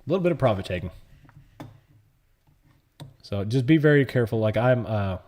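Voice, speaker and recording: With a slightly mellow, medium-pitched voice and lively intonation at normal speed, this livestream host rambles through a relaxed trading stream. He's an options trader, born in New York City and raised in the US South, answering chat questions as they arrive.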